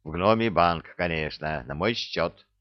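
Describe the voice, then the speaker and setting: A man's voice: low voice, a little slow, dry recording, muffled recording. A man voicing a cheeky, glib young adventurer who wheedles, in an audiobook. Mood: evasive. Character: cheeky young male adventurer, smooth-talking chancer.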